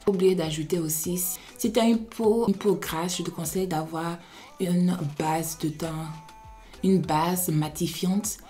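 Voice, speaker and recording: A young woman with a Beninese French accent gives a casual makeup tutorial in a fairly low voice. She talks in a chatty way and slips English phrases into her French, with a little music faint in the background. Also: fairly even intonation, a little slow, mellow. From Benin, raised in the United States. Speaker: beauty vlogger.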